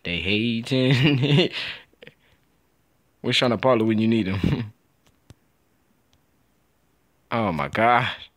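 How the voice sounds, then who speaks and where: A young man giving casual, excitable gameplay commentary, trash-talking and laughing as he plays. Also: mid-range voice, slow pace. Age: young adult. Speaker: gaming YouTuber.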